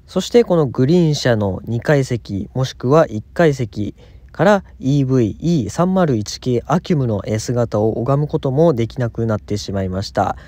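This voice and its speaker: Male rail vlog narrator, medium pitch, very mellow tone, polite and informative scripted delivery. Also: expressive, normal speed, dry recording. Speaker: narrator of a train travel vlog.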